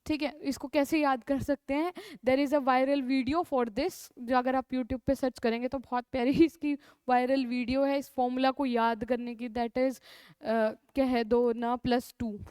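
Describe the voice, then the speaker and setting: Young female tutor, North Indian accent, coaxing, repeats terms, smooth resonant voice. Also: high voice, fairly even intonation, measured pace, few pauses, darkish tone, no echo. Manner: repeats key terms, asks and answers own questions; calls students "beta", coaxing. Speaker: chemistry teacher. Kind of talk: classroom lecture.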